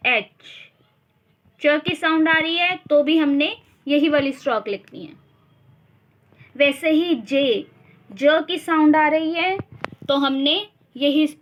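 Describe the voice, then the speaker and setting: A young woman teaching shorthand, slowly repeating each sound and example word to drill it. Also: high voice, lo-fi sound, a little hiss or hum. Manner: slow, repeats sounds and words to drill them. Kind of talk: instructional explanation.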